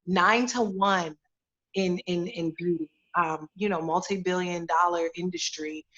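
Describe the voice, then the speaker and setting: A woman's voice: fairly low pitch, flat delivery, normal speed, highs cut off. A woman beauty editor answering interview questions in an emphatic, conversational way, repeating her key words.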